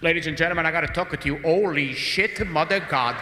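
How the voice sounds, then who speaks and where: A man's voice: a little high, expressive, takes it slowly, pushed and bright, full character voice. A man voicing a dramatic immigrant uncle making a scary pilot announcement in broken English, recorded live. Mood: panicky. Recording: live hall reverb, faint crowd.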